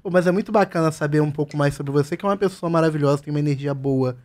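A man's voice: fairly high pitch, very fast, darkish tone. A man hosting a casual podcast interview, prodding his guest with eager questions. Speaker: podcast host.

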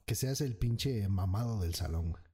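A man with a Mexican accent co-hosting a casual podcast, talking in an animated way and acting out the lines he quotes. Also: lowish voice, moderate pace, over a noisy crowd. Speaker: podcast co-host.

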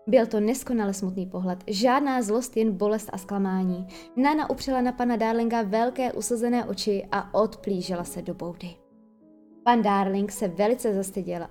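Warm-voiced woman reading a children's story. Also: medium pitch. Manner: expressive, lively storytelling. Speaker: narrator.

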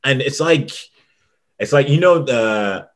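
A young man on a casual podcast, talking about fights in an excitable way and stumbling over repeated words. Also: medium pitch, slow, a crowd in the background. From England. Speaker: MMA journalist and podcast panelist.

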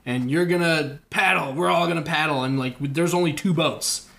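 A man's voice: fairly high pitch, a little fast, creaky, fairly bright tone. A young man telling a story in casual podcast chat, rambling and acting out the voices of the people in it. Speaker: podcast co-host.

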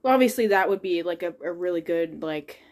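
Low-voiced woman rambling casually. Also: lively intonation, fairly quick, darkish tone. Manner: rambling, hesitant, full of fillers. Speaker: podcast co-host. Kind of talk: casual book-club chat.

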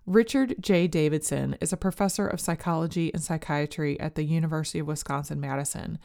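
Female podcast host, lowish and soft-edged, calm, measured delivery suited to talk and guided meditation. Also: gravelly.

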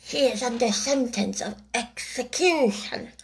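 A woman voicing a timid, anxious male rabbit from a storybook, hushed, hurried and frightened. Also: sits high, big pitch swings, pitched above the performer's own voice, full character voice. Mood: anxious, secretive.

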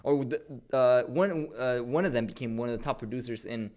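A man's voice: mid-range voice, a little fast, darkish tone. A man co-hosting a podcast in laid-back casual chat, often saying "bro". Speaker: podcast co-host.

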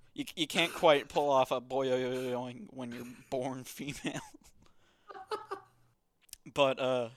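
A man's voice: mid-range voice, fairly even intonation, extremely slow, long pauses, slight background noise. A man hosting a podcast, casually recapping a comic in a wry, dismissive way. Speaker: podcast host.

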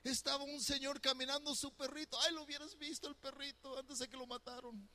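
A pastor playing his chatty wife, who rushes to pour out every small detail of a story during a sermon. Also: extremely high pitch, level tone, bright, forceful tone, pitched above the performer's own voice, exaggerated voice. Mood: breathless gossip. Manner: rushed, gushing, piling on details.

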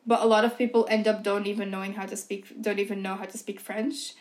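This young Belgian woman speaks Dutch and co-hosts a laid-back podcast, chatting away with plenty of "like" and "um." Her medium-pitched, slightly mellow voice moves fast with a level tone.

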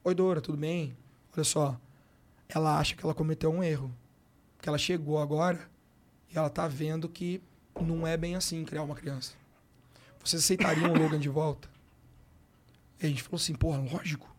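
With a Brazilian Portuguese accent, a man who coaches sports shares a personal story on a podcast, speaking fairly quickly with frequent pauses. His voice is on the high side and steady in tone. The talk is slangy and emotional, peppered with "cara" and "brother."

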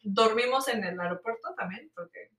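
A woman tells stories in a casual chat, piling up fillers as she goes. Her voice is bright and a touch high. She sits back from the mic in an echoey room. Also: normal speed, distant mic. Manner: animated anecdotes with many fillers. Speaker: storyteller in a chat.

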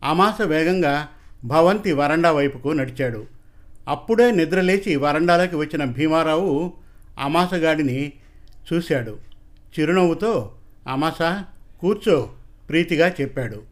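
A man with a fairly high-pitched voice narrates a story at a measured pace. He reads the characters' lines with a dramatic storytelling touch.

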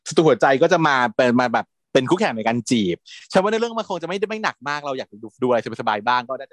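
An animated, chatty man with a fairly high voice, gushing as he talks through TV series in a relaxed back-and-forth. The sound is dry and close, with no room around it. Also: racing, no echo. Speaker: podcast co-host. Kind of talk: casual chat about TV series.

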